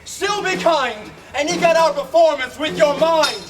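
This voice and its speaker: A man's voice: extremely high pitch, lively intonation, distant mic, heavy background noise. A man playing a rousing chorus narrator, declaiming Shakespearean olde-speech verse in a grand, theatrical manner. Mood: stirring, grand. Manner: theatrical, grandly emphatic, drawn-out delivery.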